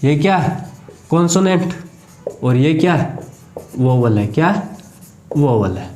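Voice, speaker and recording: A man's voice: fairly high pitch, animated, unhurried, darkish tone, echoey room. A man teaching a grammar lesson in a Hindi accent. He asks the class a question and then repeats the answer.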